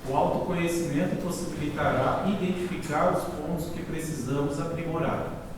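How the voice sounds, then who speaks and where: A man from the audience reads a short text aloud. He is far from the microphone, with his voice a little raised in pitch. A long, strong echo fills the hall, and room noise is clearly heard. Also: fairly even intonation, moderate pace. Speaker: audience member reading aloud.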